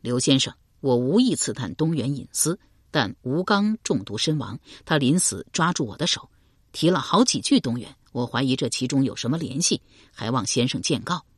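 A woman's voice: very deep voice, animated, moderate pace, breathy edge, dry recording, clean studio sound, full character voice. Deng Yi, an earnest, dogged general read by a woman. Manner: earnest, polite and pressing. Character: earnest, persistent male general investigating.

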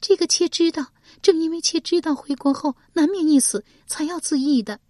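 A woman's voice: high voice, moderate pace, a little mellow, dry recording, studio quality, voice pushed up, lightly acted. A woman reading an audiobook voices a distressed noblewoman, a widowed lord's wife, pleading tearfully and anxiously. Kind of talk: audiobook character voice.

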